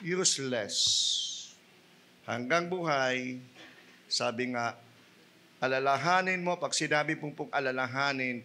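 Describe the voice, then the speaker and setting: A Filipino man preaching a sermon in church, mixing English phrases into his talk, calling out to the congregation and swinging from quiet asides to loud, emphatic peaks. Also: medium pitch, creaky. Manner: mixes English into Tagalog, asks the congregation "Hello?" and "Amen?". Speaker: pastor.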